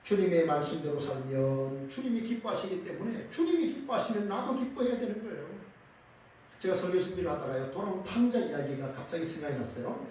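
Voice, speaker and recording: Guy preaching in a church, kinda high voice, big echo, mic far off. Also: animated, a little fast, darkish tone, a little hiss or hum. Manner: earnest, addresses the congregation directly. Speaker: pastor. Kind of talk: sermon. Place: church sanctuary.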